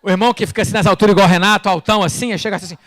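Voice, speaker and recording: A man preaching a sermon in Brazilian Portuguese in church, firing rhetorical questions at the congregation and swinging between loud bursts and quiet asides. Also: high-pitched, fairly even intonation, rapid-fire, dry recording, clean studio sound. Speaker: pastor.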